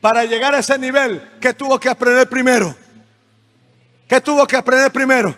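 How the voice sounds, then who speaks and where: A male pastor preaching with passion, swinging between shouts and quiet asides. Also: very high voice, steady tone, normal speed. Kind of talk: sermon. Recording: music underneath, long reverb hall.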